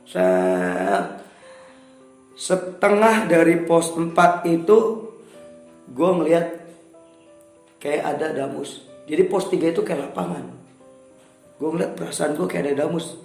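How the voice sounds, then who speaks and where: A young man telling a story in a casual interview, animated, raising his voice for quoted dialogue. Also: on the high side, unhurried, gravelly, pauses often. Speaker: guest storyteller. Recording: echoey room with soft music.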